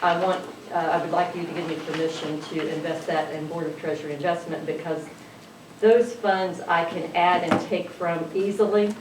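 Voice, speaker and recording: A woman with a fairly low voice reads out account balances in a rush, stumbling over fillers. She sits away from the mic in an echoey council chamber. Steady background noise runs underneath. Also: far from the mic. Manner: rushed, reeling off figures with fillers. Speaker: city finance officer. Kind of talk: reading a financial report at a council meeting. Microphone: distant room mic.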